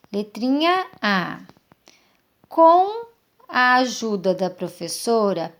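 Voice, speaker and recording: A woman teacher, explaining a lesson to young children step by step, patient and checking in with questions. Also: on the high side. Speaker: primary school teacher.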